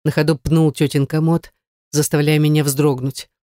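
A woman reading a first-person novel aloud in a dramatic, expressive way, close to the mic. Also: deep voice, moderate pace, no echo. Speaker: audiobook narrator.

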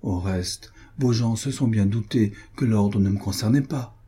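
A man reading the part of a scheming baroness who speaks with honeyed, feline flattery in a storybook novel. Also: fairly low pitch, a little slow, slightly rough. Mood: falsely sweet. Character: scheming older baroness, falsely sweet.

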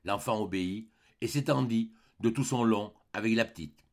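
A man narrating a classic novel as an audiobook in an expressive, dramatic reading style. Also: fairly low pitch, normal speed. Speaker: volunteer audiobook reader.

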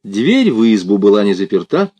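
A man narrating an audiobook in an expressive, dramatic reading style. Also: lowish voice, moderate pace, breathy edge.

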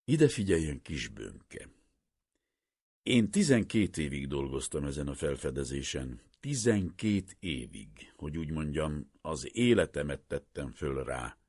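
A man voicing an older, troubled professor who speaks slowly and solemnly, with earnest pleading. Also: rumbling low, very animated, darkish tone, slightly rough, no echo, studio quality, full character voice. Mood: grave. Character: older male professor, grave and troubled scientist.

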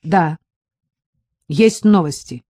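A quick, teasing grown man speaks over the phone, put on by a woman reading an audiobook. His voice sits warm and dark with a slight husk. The sound is close and dry. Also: sits low, no room sound, full character voice. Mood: teasing, upbeat. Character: brisk, cheerful adult man on the phone. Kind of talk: audiobook narration.

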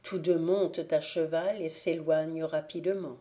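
A woman reading a fairy tale aloud for an audiobook, telling it slowly and evenly. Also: deep voice. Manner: slow, even storytelling. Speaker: audiobook reader.

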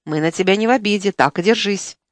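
A woman reading an audiobook, voicing a sly, needling male truck driver who jeers in a shrill, wheedling voice. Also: fast, no echo, studio quality, lightly acted.

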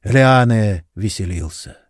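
A man's voice: fairly low pitch, slow pace, no echo, studio quality. A man narrating a fantasy novel as an audiobook, reading dramatically. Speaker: audiobook reader.

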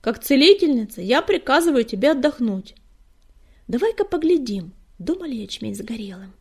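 A woman's voice: on the high side, sing-song, gravelly, dark tone, husky, exaggerated voice. A woman voicing a firm female cat healer. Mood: brisk. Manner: brisk and commanding.

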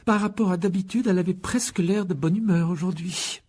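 A man with a raspy voice reading a storybook, raising his pitch well up to voice an earnest, bookish young schoolgirl who speaks carefully and insistently. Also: a little fast, warm tone. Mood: weary.

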